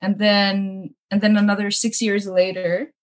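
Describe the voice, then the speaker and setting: A young woman from Kuwait, whose mixed accent is hard to place, speaks with a medium-pitched, level voice at a measured pace. She's a casual interview guest, laughing often and using plenty of fillers, in a bungalow room with books at her parents' home.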